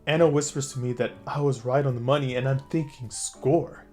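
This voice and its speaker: An easygoing man narrates an online story in a relaxed, chatty voice at a middle pitch. Faint music plays under his voice. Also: fast. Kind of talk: reading an online story aloud.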